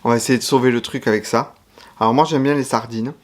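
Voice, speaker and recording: A man talking to camera as he tastes snacks one after another. He sounds chatty and frank in his verdicts, and at times he speaks with his mouth full. His voice sits at an ordinary middle pitch. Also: steady tone, quick pace. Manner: chatty, frank verdicts, talks while chewing. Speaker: YouTuber tasting foreign food. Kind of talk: casual food-tasting commentary.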